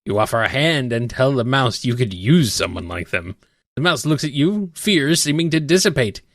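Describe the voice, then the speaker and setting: A man's voice: medium pitch, sing-song, normal speed, no room sound, clean studio sound. A man running a text adventure, narrating in a matter-of-fact way and stumbling a little when he improvises. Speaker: game master.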